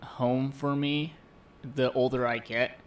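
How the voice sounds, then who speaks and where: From a home streaming setup, a co-host of a live-streamed chat show earnestly retells a film plot in a casual way, with many fillers. He speaks slowly at a medium pitch with fairly even intonation.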